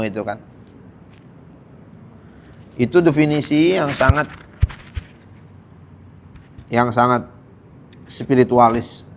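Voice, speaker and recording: A middle-aged man teaching a mosque study circle, who recites Arabic hadith and then explains them in relaxed, joking everyday speech. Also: mid-range voice. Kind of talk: casual Islamic lecture.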